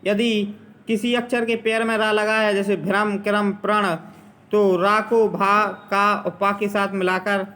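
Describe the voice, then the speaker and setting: A man's voice: sits high, pushed and bright. A man teaching a grammar lesson, carefully saying word pairs one after another to drill pronunciation.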